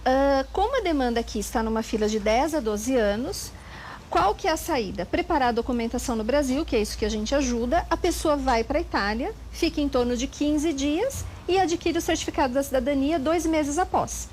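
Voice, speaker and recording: A Brazilian woman lawyer calmly explaining legal procedures step by step as an interview guest. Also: sits high, a little fast, a little hiss or hum, poor audio. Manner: calm, methodical, precise explanations.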